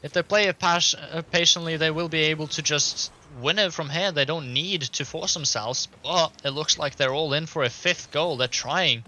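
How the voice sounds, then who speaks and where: Brief: male caster, bright and keen, fast game calls. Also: fairly high pitch. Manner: quick, excited play-by-play, laughs easily. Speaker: esports caster. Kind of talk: play-by-play commentary.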